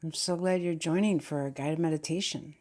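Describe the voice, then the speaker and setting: A woman guiding a meditation, speaking gently and slowly, with a soft, breathy voice that often drops to a near whisper. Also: sits low. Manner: gentle, unhurried, repeats "just". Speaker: meditation teacher. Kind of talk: guided meditation.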